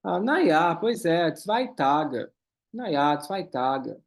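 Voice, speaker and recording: A man teaching a German class, reading lines slowly and then explaining them quickly. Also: on the high side, sing-song. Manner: switches between slow careful German and quick explanations. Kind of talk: online class, reading dialogue and translating.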